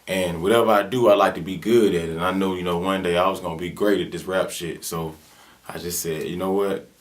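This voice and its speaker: In a Southern US accent, a rapper from Birmingham, Alabama, aged in his twenties, fields interview questions with relaxed, slangy speech heavy on fillers. His voice is low-pitched and steady in tone, and he talks a little fast.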